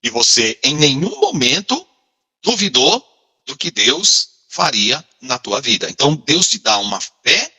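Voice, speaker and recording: A man acting as a pastor, explaining a spiritual teaching in a lively, explanatory way. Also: mid-range voice, measured pace, breathy edge, long reverb tail. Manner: explanatory, animated. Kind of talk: teaching commentary in conversation.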